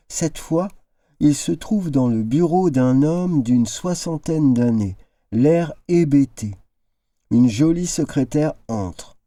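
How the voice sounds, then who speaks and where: A man narrates a whimsical tale in a slow, unhurried reading. His voice is dark and mellow, and he raises it into brief character voices for the dialogue. The sound is dry and close. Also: no echo. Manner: shifts into character voices, high exclamations. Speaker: storyteller. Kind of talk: expressive reading of an original tale.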